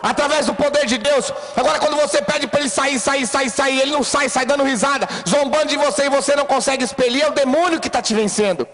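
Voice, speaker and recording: High-voiced preacher man. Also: long reverb tail. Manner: preaching with rising shouts and dramatic pauses, acting out voices. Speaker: pastor. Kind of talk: sermon.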